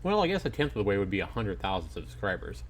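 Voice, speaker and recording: Over slight background noise, a man with a lowish, sing-song voice talks quickly while streaming a visual novel. He reads it aloud to chat and comments along the way, bantering casually and jokingly with viewers.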